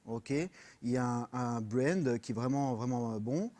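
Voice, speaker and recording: Earnest French-accented man, halting speech. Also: mid-range voice, warm tone. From France. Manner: earnest, halting, many fillers, mixes in English. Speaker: personal trainer, guest. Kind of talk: radio interview.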